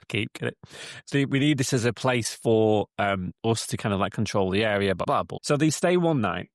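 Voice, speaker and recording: A man's voice: fairly low pitch, expressive, moderate pace, no room sound, clean studio sound. Rambling man retelling a film plot. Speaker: podcast co-host. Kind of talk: casual chat. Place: cabin in the woods.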